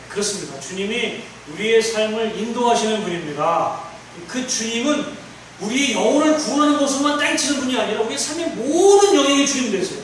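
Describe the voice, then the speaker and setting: Man preaching, high voice, super echoey church, kinda far from the mic. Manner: fervent preaching, rising to near-shouts then dropping low. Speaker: pastor. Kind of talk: sermon. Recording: very echoey hall, voice from far off, faint noise.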